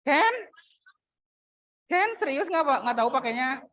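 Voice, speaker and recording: A young woman teaching an English class in a classroom, chatty and teasing, slowing down to model example sentences. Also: high-pitched, very animated, fairly bright tone. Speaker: university English lecturer. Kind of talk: classroom lecture.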